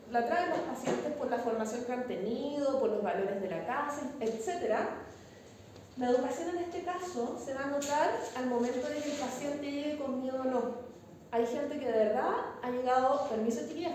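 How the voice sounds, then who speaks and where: A woman's voice: high-pitched, a little mellow. Chilean woman lecturing in an echoey classroom. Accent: Chilean Spanish. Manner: conversational, checks understanding with frequent tag questions. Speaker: instructor teaching a class. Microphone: far from the mic. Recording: very echoey classroom, far-off mic, some noise.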